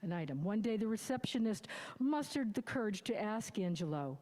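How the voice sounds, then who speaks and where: Mellow woman telling her story in a reverberant hall. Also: a little high, lively intonation, normal speed. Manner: candid, reflective, wry. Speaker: congregation member sharing a recovery story. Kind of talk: personal testimony in a sermon. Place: church sanctuary.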